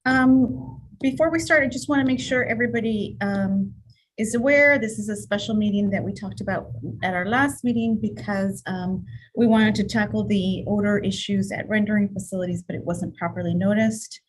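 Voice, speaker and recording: A woman chairing a meeting on a video call, informal and hesitant, pausing often. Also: mid-range voice, rough recording. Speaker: committee chair.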